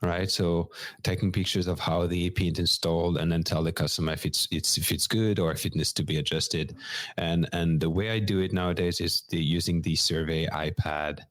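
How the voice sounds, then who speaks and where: A man's voice: deep voice, fairly even intonation, a little fast, a bit bright, no room sound. A man with a French accent co-hosting a podcast, methodically explaining practical steps in a casual technical chat. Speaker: podcast co-host.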